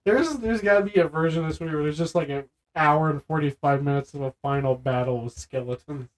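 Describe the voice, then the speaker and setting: A man co-hosting a casual podcast chat, retelling film scenes in an animated way and using "like" often. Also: fairly high pitch, fast talker, low-quality recording. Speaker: podcast co-host.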